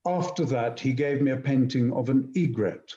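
Man, interview guest, very mellow tone, deliberate articulate storytelling, roomy echo, slightly dull audio. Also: medium pitch. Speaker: interview guest, poet and screenwriter. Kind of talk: reflective conversational storytelling.

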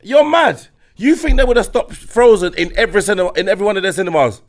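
High-pitched, animated roadman. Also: quick pace. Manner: street slang, repeats himself insistently. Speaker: podcast panellist. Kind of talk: casual group debate.

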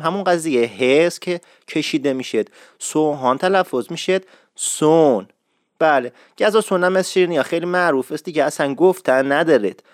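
A man's voice: a little high, dry recording, clean studio sound. A man, talking casually and with enthusiasm, repeating his main points. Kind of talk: casual recommendation talk.

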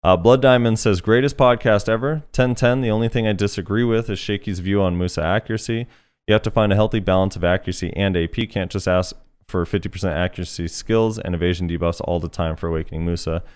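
A man's voice: sits low, fast, darkish tone, clean tone. A man hosting a casual podcast, reading listener comments aloud in a laid-back way with plenty of fillers. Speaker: podcast host.

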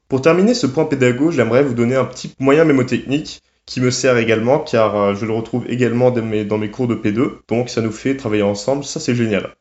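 A young man presenting a weekly study update for a student podcast, explaining course points in a steady, measured way. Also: medium pitch, echoey room, muffled recording. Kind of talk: casual scripted podcast segment.

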